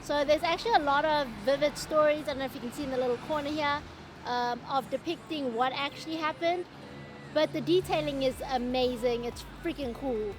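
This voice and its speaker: A woman's voice: high-pitched, fairly quick, music in the background. A woman chatting casually in a travel vlog, upbeat and full of fillers, talking outdoors and later in a car. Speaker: travel vlogger.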